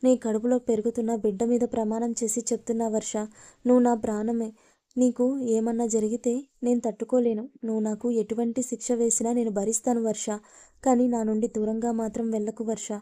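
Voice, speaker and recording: A woman's voice: fairly high pitch, flat delivery, a little fast, warm tone, close to an everyday voice. A woman reading as a desperate young husband. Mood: pleading. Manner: pleading.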